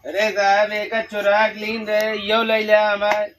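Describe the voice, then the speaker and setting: Man as a high-voiced, pleading village fellow. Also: completely flat delivery, measured pace. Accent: Awadhi. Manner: protesting, pleading. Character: pleading, cheeky village man harassed by police. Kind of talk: rural comedy sketch acting. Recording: noisy amateur recording with clicks.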